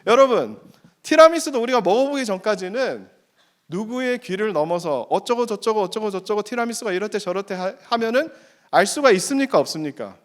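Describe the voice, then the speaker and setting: A male pastor speaks with a Korean-American accent in a high, very lively voice. He preaches interactively, posing question after question to the congregation. Key phrases come out slowly and emphatically. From United States. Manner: rhetorical questions, emphatic slow repetition.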